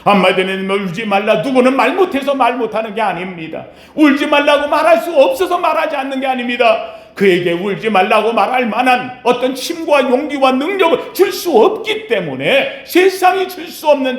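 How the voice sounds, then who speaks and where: A male pastor delivering an emphatic sermon, with sharp rises and slow, low falls. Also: lively intonation. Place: church sanctuary. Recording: echoey church sanctuary.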